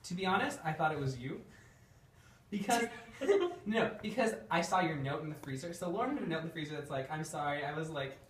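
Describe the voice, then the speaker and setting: A woman's voice: sits low, very animated, a little fast, echoey room, far from the mic, slight background noise. A young woman telling a rambling story to friends, full of "like". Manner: rambling, lots of "like". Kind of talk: casual storytelling among friends.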